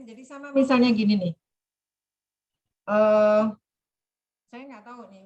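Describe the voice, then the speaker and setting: A woman's voice: mid-range voice, lo-fi sound. A woman lecturer on a video call, patiently explaining with examples and demonstrating recitation. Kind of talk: online class lecture.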